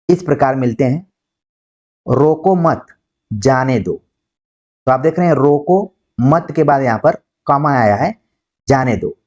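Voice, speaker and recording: A man teaching an exam-prep Hindi lesson who explains slowly, acts out example words and keeps checking with "ठीक है". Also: mid-range voice, darkish tone. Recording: dull lo-fi sound.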